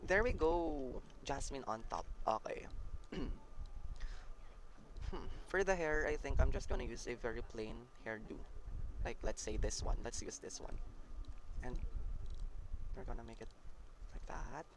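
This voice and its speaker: A man with a Filipino accent giving excitable, dramatic live commentary while playing a dress-up game. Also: medium pitch, a little slow, long pauses, noisy background. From Philippines. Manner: excitable and dramatic, mixes English and Tagalog. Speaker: gaming content creator.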